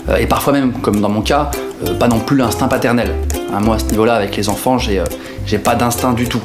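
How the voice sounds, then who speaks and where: A young comedian from northern France riffs in a slangy, self-mocking sketch monologue. His voice sits at a mid pitch. The room sounds roomy, and guitar music plays behind him. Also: steady tone, fast talker. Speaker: comedian host.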